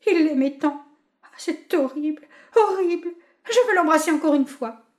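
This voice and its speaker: A woman reading aloud voices a young wife in anguish, her speech high, loud and breaking with distress. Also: moderate pace, lightly acted. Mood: grieving. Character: young grieving wife, frantic and tearful.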